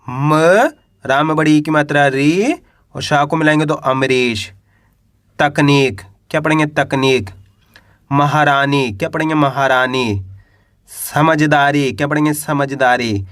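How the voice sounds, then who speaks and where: A man with a high, bright voice leads a patient spelling lesson for beginners. He sounds out each word piece by piece, poses a question and answers it himself. The recording is close and dry. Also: no echo. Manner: repeats each word slowly, asks and answers his own questions. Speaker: Hindi reading teacher.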